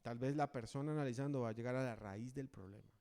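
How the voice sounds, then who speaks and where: A man preaches in a church, his voice ringing out with a long reverb trailing after each phrase. He speaks at a mid pitch and keeps turning to rhetorical questions, earnest and direct. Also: quick pace, mellow. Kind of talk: sermon.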